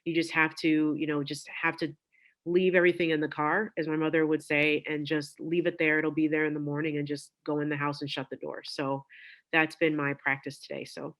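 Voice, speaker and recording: A woman clinician on a video-call panel, speaking in a tired, measured way. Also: low-pitched, little pitch movement. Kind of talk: panel discussion.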